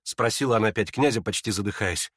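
A man narrating a classic novel in a quick, lowered voice between the characters' lines. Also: fairly bright tone, breathy edge, no room sound, studio quality. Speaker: audiobook narrator. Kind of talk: literary narration.

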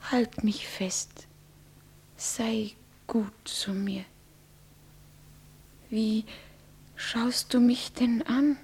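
Brief: devoted, frightened young bride in a radio play; breathy, high-ish, slow and pleading. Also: female voice, a little mellow. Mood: anxious. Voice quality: breathy, often whispering. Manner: pleading, trembling. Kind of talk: classic radio play acting.

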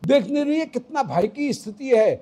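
A man's voice: very high voice, animated, normal speed, warm tone, husky, voice pushed up, exaggerated voice. A man voicing a young woman who trembles and reproaches her laughing friend, in a devotional storytelling talk. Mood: reproachful.

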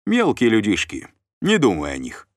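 A chubby, crafty noble who chatters and haggles with good humor, played by a man in a raised, lively voice. The storybook uncle is scheming yet warm. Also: on the low side, moderate pace, no room sound, studio quality, pitched above the performer's own voice. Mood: jovial. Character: plump, sly, jovial male noble uncle.

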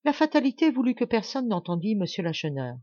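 A woman from France narrates a classic novel in an expressive, measured way. The recording is dry and close, with a slightly muffled, lo-fi tone. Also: fairly high pitch, no echo. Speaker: audiobook reader. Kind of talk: literary audiobook narration. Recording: dull, dry home recording.

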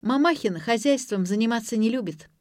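A sullen, sharp-tongued teenage girl from an audiobook, acted by a woman reader. Her voice rises high and loud as she snaps and sneers. The recording is dry and close. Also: animated, fairly quick, no echo, lightly acted. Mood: snappish. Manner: snapping, sarcastic, defiant.

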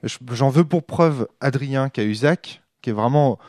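A man's voice: mid-range voice, unhurried, darkish tone, no room sound. Lisping Frenchman in casual discussion, dry sound. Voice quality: lisp, slushy s sounds from a sore tongue. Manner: emphatic, repeats words and checks he is followed. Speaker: podcast speaker discussing a role-playing game.

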